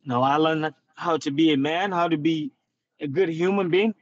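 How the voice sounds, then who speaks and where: On a phone video call from his parked car, a guest fighter from Nigeria in his twenties gives casual interview answers, sincere and reflective and full of fillers. His voice sits on the high side at a moderate pace, and the recording is dull and lo-fi.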